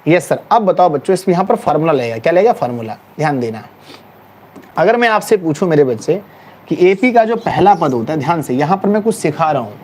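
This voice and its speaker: A middle-aged man teaching math in a classroom, in a lively, teasing way, calling his students "my child". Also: a little high, fairly quick. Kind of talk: classroom lecture. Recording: faint background noise with passing vehicles.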